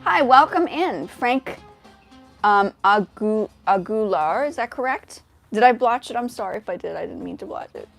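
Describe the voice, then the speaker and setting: A woman's voice: mid-range voice, animated, normal speed, gravelly, a bit bright, soft background music. A woman from Indonesia hosting a casual livestream on a headset mic, chatting and greeting viewers by name. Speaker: livestream host.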